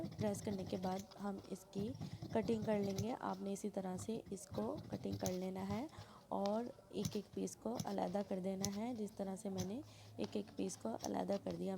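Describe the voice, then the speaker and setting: A woman, talking through a sewing tutorial step by step and clearing her throat now and then. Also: medium pitch, level tone, normal speed, noisy background. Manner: plain instructional, frequent throat clearing. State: sore throat. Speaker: sewing instructor.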